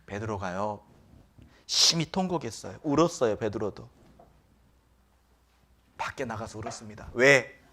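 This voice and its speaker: A man's voice: lowish voice, animated, measured pace, pauses often. A man preaching a sermon as pastor in a church, often asking the congregation rhetorical questions. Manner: acts out quoted lines with sudden loud outbursts.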